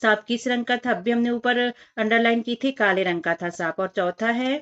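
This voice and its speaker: Female teacher, higher pitch, patient word-by-word reading for young pupils; dull lo-fi sound. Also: steady tone, fairly bright tone. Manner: reads words slowly one by one, addresses children directly. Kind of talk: workbook lesson for children.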